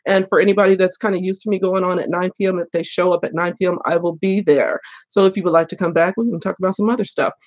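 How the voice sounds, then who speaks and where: A woman's voice: lowish voice, steady tone, fast, few pauses, a little mellow, lo-fi sound. An older woman hosting a casual book live stream with a head cold, chatty and laughing often as she greets viewers. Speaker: booktube host.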